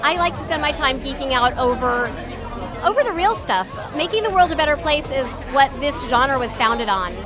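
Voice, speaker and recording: A woman's voice: high-pitched, lively intonation, normal speed. A woman talking earnestly in a casual red carpet interview. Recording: music and crowd behind.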